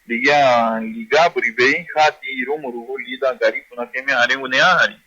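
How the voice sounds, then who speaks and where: A man's voice: mid-range voice, fairly even intonation, sharp tone, husky, faint music behind. Man drilling words on muffled radio. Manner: slow, repetitive drilling of words. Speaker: language teacher. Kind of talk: radio language class.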